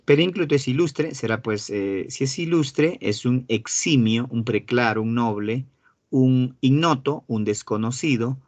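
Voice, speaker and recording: A man with a Peruvian Spanish accent teaching a classroom lesson. He repeats key words slowly and quizzes his students. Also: medium pitch, a little mellow, dry recording. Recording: dull, dry sound.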